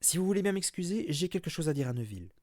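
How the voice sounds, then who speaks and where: A man voicing an eleven-year-old boy wizard who talks quickly and earnestly. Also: fairly high pitch, big pitch swings, a little mellow, no room sound, clean studio sound, voice pushed up.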